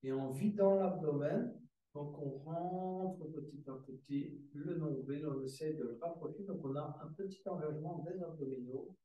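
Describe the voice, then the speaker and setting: Calm man guiding yoga in echoey room. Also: a little high, dull audio. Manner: calm, slow step-by-step breathing cues with soft repetitions. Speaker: yoga teacher. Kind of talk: guided yoga class instruction. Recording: very echoey room, mic far away.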